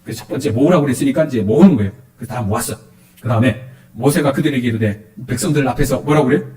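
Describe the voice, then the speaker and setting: A male pastor preaching a sermon, questioning his congregation in a lively, animated way. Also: medium pitch, rapid-fire, roomy sound.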